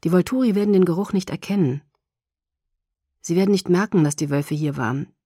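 A protective young vampire man, read by a woman in a storybook, speaking low and earnest. The voice is mellow and a little husky, set low. It sounds close and dry. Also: a little fast, no room sound. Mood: reassuring.

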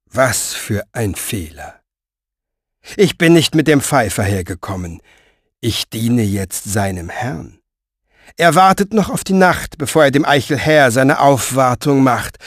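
A man voicing a scheming villain in an audiobook, speaking softly and slowly with a velvety menace. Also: mid-range voice, dry recording, studio quality. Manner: soft, velvety, slow, menacing. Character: smooth scheming male sorcerer-reader, soft-voiced and menacing.

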